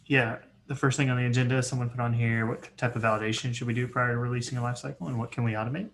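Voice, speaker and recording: A man's voice: mid-range voice, level tone, very fast, fairly bright tone. A man casually facilitating a work meeting on a call. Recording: faintly noisy meeting call.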